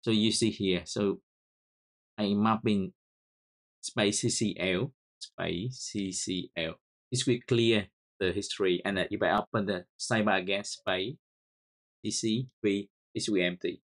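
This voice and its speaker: This screen-recorded coding tutorial is hosted by a man whose native language is Vietnamese and who has a Vietnamese accent. Speaking with fairly low pitch and fairly even intonation, he's halting and repeats words while entering commands.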